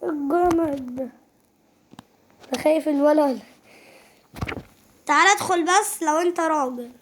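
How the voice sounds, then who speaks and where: High-voiced Egyptian woman gamer. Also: moderate pace, a little hiss or hum. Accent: Egyptian Arabic. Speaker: gaming YouTuber. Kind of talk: excited gameplay commentary.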